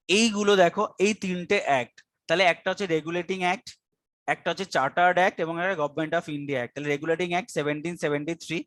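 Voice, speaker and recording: A man teaching an online exam-prep class in a high, bright-toned voice, recorded dry with no room sound. He mixes English terms into his speech and drills a memory chant again and again. He quizzes his students by name. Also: dry recording.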